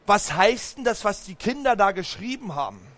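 A dim, pompous storybook king who cannot read, as a man puts him on. He speaks slowly and draws out every word in a high, commanding tone. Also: big pitch swings, fairly bright tone. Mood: puzzled.

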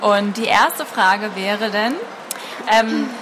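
A woman's voice: mid-range voice, fairly even intonation, very slow, background noise. A woman editor interviewing an author, asking questions in a friendly, chatty way with frequent fillers.

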